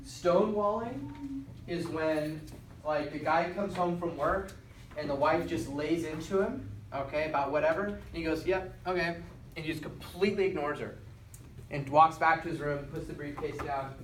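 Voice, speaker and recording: A man's voice: on the high side, moderate pace. A man lecturing a class, checking in with "okay?" and acting out quoted lines. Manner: repeats "okay?" and acts out quotes. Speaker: teacher. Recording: roomy, from far off, some noise.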